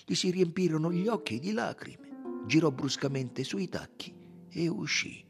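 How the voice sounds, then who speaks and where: A man narrating a novel as an audiobook, measured and expressive. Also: fairly high pitch, creaky, music in the background. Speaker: audiobook reader.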